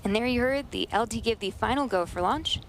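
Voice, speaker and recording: A woman's voice: a little high, fairly quick. A woman hosting a live launch webcast, explaining each step in commentary. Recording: faint background noise.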